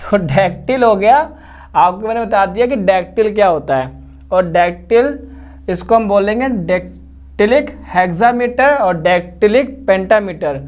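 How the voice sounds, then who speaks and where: A man's voice: high-pitched, animated, measured pace, highs cut off. A man teaching literature in a lecture video, explaining step by step and often checking that students follow. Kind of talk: classroom-style lecture video.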